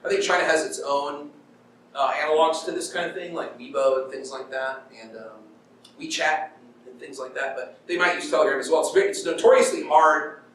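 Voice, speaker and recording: Brisk, fairly high-pitched and fairly bright, a middle-aged man lectures informally at a university, voicing paraphrased quotes and asking his listeners if they're with him. Background noise, a distant mic, and a very echoey room mark the recording.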